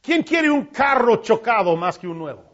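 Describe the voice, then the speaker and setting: A man preaching a sermon with passion, rising to loud cries and dropping to hushed tones. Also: very high-pitched, sing-song, moderate pace. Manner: impassioned preaching, swinging from loud cries to hushed near-whispers. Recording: dull lo-fi recording.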